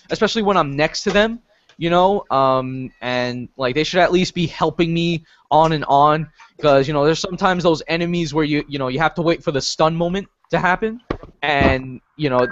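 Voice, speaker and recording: A man's voice: fairly high pitch, no room sound, muffled recording. A man co-hosting a casual gaming podcast, talking hesitantly with many fillers and restarts. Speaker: podcast co-host.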